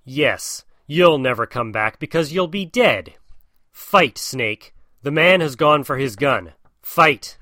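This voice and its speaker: A man voicing a brave young male mongoose who shouts proud challenges in a storybook reading. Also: on the high side, slow, dry recording, studio quality, full character voice. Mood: defiant. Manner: excited, loud, proud.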